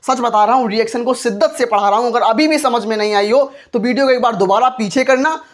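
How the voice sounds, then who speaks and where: A man teaching chemistry for a board exam. He keeps asking his own questions and answering them in a steady, repetitive call-and-response rhythm. His tone stays earnest and encouraging throughout. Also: very high-pitched, quick pace.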